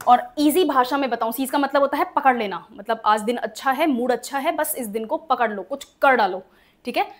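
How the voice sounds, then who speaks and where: High-voiced woman teaching vocabulary. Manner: explains step by step, spells words letter by letter, asks checking questions. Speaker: English teacher. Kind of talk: exam-prep vocabulary lesson.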